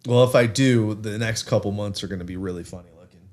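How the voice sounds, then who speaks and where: A man co-hosting a casual fan podcast, thinking out loud with fillers and laughing at himself. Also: lowish voice, fast talker. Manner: rambling, self-amused, thinks aloud with many fillers. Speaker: podcast co-host. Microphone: desk mic with camera, streaming live.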